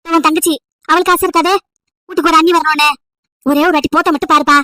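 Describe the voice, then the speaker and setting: A woman's voice: very high voice, steady tone, fast talker, bright, forceful tone, no room sound, clean studio sound. A woman voicing a nagging, emotional old village grandmother over 70 who scolds and pleads at length. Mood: pleading. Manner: scolding, pleading, wailing complaints.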